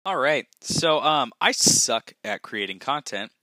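A man's voice: mid-range voice, expressive, unhurried, pushed and bright, no room sound. A young man hosting a casual solo podcast from a bathroom, rambling and self-deprecating, recorded on a gaming headset mic. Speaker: podcast host.

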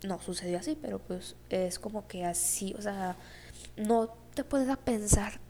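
Rambling young Mexican woman, dark voice. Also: mid-range voice, measured pace, slight background noise. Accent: Mexican Spanish. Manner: rambling, heavy filler "o sea, como que"; acts out quoted dialogue. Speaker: vlogger. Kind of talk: casual storytime.

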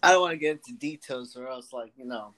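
A man's voice: medium pitch, fast talker, noisy background. A teenage man co-hosting a casual chat podcast, slangy and laid-back, swearing often. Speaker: podcast co-host.

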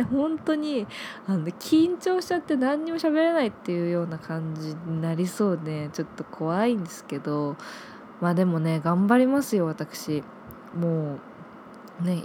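A woman's voice: on the low side, darkish tone, a little hiss or hum. A woman in her twenties hosting a solo podcast, chatting casually and reading listener mail, with many filler words. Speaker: podcast host.

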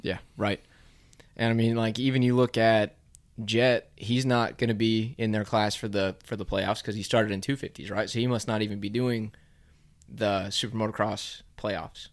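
A man's voice: lowish voice, little pitch movement, moderate pace. A man co-hosting a podcast, chatting casually and laughing at himself. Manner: chatty, self-deprecating, laughs easily. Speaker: podcast co-host. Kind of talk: casual chat about motocross.

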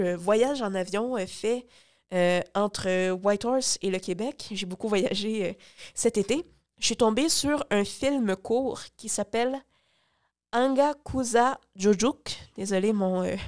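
Woman radio host, mid-pitched, chatty and halting, lots of fillers, studio read. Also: darkish tone, clear, resonant tone. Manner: rambling, restarts, many fillers. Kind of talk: casual radio talk.

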